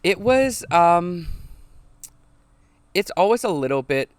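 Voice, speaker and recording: A man's voice: high-pitched, very animated, slow pace, no room sound. A man in his twenties co-hosting a podcast, chatting candidly and reflectively with lots of "like" fillers. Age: 20s. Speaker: podcast co-host. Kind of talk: casual chat.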